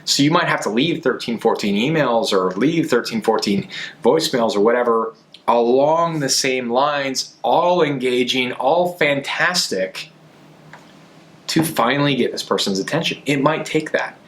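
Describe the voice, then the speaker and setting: Man, medium pitch, sales coach, podcast host, conversational, emphatic, repetitive for stress. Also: expressive, measured pace, a bit bright. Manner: emphatic, repeats key phrases for stress.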